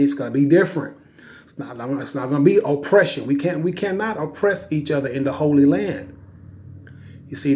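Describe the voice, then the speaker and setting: A man delivers a relaxed religious lesson in a slightly higher-than-usual voice. He leans on the key phrases, drawing them out slowly, and tags almost every point with "right?" or "okay?" as if checking his listeners follow. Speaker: religious teacher. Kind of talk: informal religious teaching over slides.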